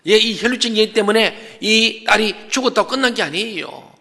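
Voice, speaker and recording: A man's voice: high voice, expressive, brisk, creaky, pushed and bright, long reverb tail. A male pastor preaching a sermon emphatically, acting out the voices in the stories he quotes. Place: church sanctuary.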